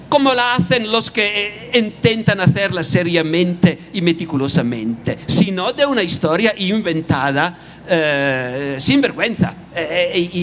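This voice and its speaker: Halting, slow-spoken man. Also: high voice, fairly bright tone, a little hiss or hum. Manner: halting, searching for words in Spanish. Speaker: historian on a discussion panel. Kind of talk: unscripted panel discussion.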